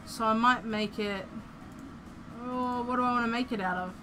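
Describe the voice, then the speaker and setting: A woman's voice: a little high, moderate pace, noisy background. A young Australian woman chatting casually and playfully as she streams a building game, rambling through her thoughts.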